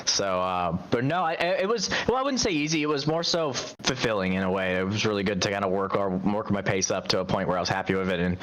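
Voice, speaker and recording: Fast-talking low-voiced race winner. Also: male voice, animated, a bit bright. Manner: cheerful, talkative, runs on with fillers. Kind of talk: post-race interview.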